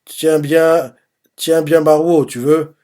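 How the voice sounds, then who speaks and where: A protective older sister from a manga who is secretly a fox spirit, giving urgent commands, read out by a man. He barely changes his own fairly high voice for her. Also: flat delivery, takes it slowly, dark tone.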